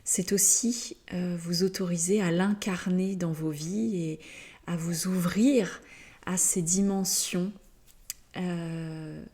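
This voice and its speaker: Very slow, hesitant woman channeler. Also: fairly low pitch, steady tone, slightly rough. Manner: hesitant, halting, many fillers and pauses; gentle, searching for words. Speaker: spiritual channeler. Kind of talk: slow channeled spiritual message.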